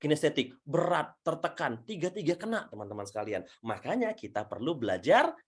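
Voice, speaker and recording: A man coaching public speaking, answering audience questions in an energetic, emphatic way, often restarting sentences and building points step by step. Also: a little high, fast, slightly rough. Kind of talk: Q&A teaching session.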